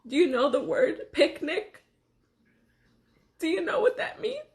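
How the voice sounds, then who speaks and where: A young woman from Los Angeles, speaking earnestly in a personal monologue to camera, pausing between phrases. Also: extremely high pitch, sing-song, a little mellow. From Los Angeles, USA. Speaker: vlogger.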